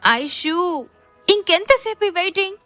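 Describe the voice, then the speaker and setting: Woman doing a playful young husband for an audio story, sarcastic banter, voice pitched high. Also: a little fast, faint music behind, lightly acted. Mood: teasing. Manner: bantering, mock-exasperated.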